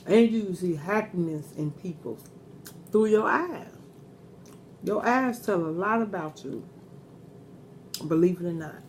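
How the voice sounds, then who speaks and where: A middle-aged woman hosting a mukbang chats casually and offers earnest advice while eating crunchy fried chicken. Her fairly low, slightly mellow voice is a little slow, with long pauses, and there's slight background noise.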